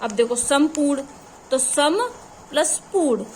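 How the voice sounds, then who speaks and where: A woman's voice: high-pitched, expressive, takes it slowly, darkish tone, slight background noise. A woman teacher giving an exam-prep grammar lesson, addressing her students as children and answering her own questions. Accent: Hindi. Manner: calls the audience "children", asks questions and answers them herself.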